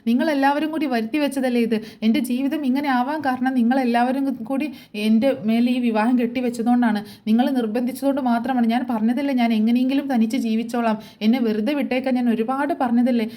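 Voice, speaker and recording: A woman's voice: a little high, fairly even intonation, fast, mellow, lightly acted. Woman voicing a furious scornful mother. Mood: bitter. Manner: harsh scolding, then tearful complaining. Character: bitter, furious middle-aged mother.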